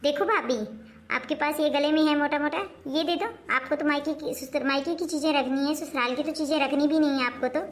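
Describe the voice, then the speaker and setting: A woman's voice: high voice, fairly even intonation, fairly quick, a little hiss or hum, close to an everyday voice. A woman playing a jealous, demanding young sister-in-law in a home-made comic family skit, whining and complaining about what she is given. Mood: accusing.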